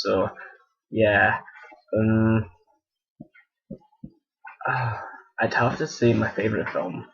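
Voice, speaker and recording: A man's voice: lowish voice, breathy edge. A young man from Scotland with a Scottish accent, casually answering viewer questions in a rambling, self-correcting way. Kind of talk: casual chat. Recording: dull lo-fi home recording.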